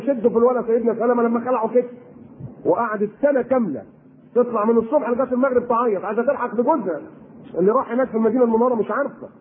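A man with an Egyptian Arabic accent preaching an animated sermon, firing rhetorical questions at his audience. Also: very high-pitched. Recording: tinny lo-fi recording with faint noise.

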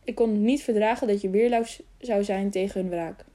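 A woman reading the part of a young noble girl who talks in a hushed, urgent way, in an audiobook. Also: medium pitch, fairly even intonation, normal speed, lightly acted. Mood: anxious.

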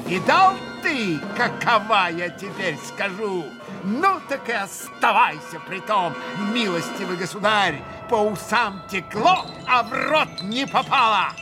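A man's voice: sits high, sing-song, a little slow, hardly any pauses, music in the background, pitched above the performer's own voice. A man voicing a frenzied, tearful young woman. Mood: anguished frenzy. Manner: hysterical outbursts, bitter and sobbing.

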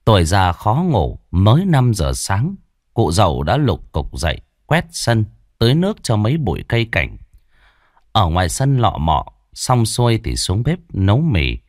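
A man narrating a ghost story in a grave, expressive way. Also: low-pitched, no echo, clean studio sound.

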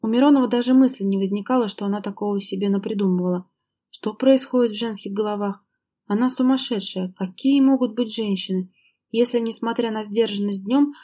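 A woman reads a novel aloud with a steady, even narration. Her voice is mellow and warm, sitting at a middle pitch. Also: a little fast. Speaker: audiobook narrator. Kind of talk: scripted narration.

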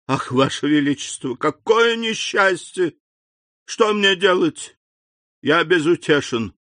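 A man's voice: fairly high pitch, lively intonation, normal speed, a bit bright, no echo, studio quality. A man voicing a panicked, groveling police minister who stammers and pleads before his king. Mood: pleading, panicked.

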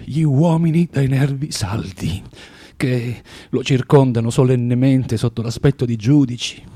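A male actor performs a radio drama monologue as a bitter, self-loathing, rambling recluse from Saint Petersburg. The delivery is theatrical and halting, with feverish repetition in a husky yet mellow, fairly high-pitched voice. There is no room sound.

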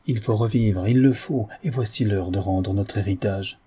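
A man's voice: lowish voice, normal speed, warm tone, a little hiss or hum, natural voice. A man voicing a proud, earnest man who passionately urges his cousin to reclaim his honor. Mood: fervent. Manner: fervent, impassioned pleading. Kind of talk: audiobook character reading.

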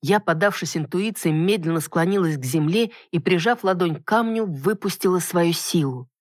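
A woman narrating a fantasy audiobook in steady first-person reading. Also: fairly low pitch, moderate pace, no room sound, clean studio sound.

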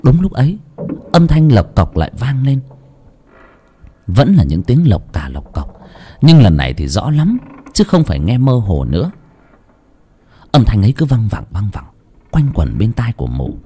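A man's voice: lowish voice, big pitch swings, moderate pace, pauses often, warm tone, husky. A man narrating a village ghost story in a dramatic, suspenseful way.

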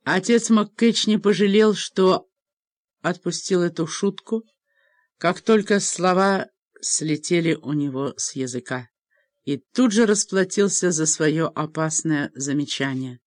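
A woman narrating an audiobook in an expressive storytelling manner. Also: fairly low pitch, unhurried, no echo, clean studio sound. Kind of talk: scripted narration.

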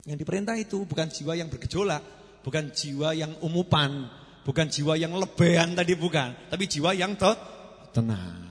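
A man preaching a sermon to a gathering, swinging from loud to soft and asking rhetorical questions. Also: fairly high pitch, lively intonation, normal speed. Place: large gathering hall. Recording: long reverb of a large hall.

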